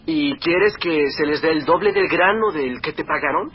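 An actor playing a candid, wry servant and confidant in a Spanish biblical drama, speaking expressively. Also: male voice, fairly high pitch, normal speed, dull audio, a little hiss or hum, lightly acted. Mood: incredulous. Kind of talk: Spanish-language dubbed biblical drama acting.

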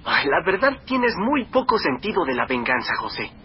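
An actor playing a candid, wry servant and confidant in a Spanish biblical drama, speaking expressively. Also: male voice, high voice, sing-song, moderate pace, highs cut off, slight background noise. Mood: incredulous. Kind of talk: Spanish-language dubbed biblical drama acting.

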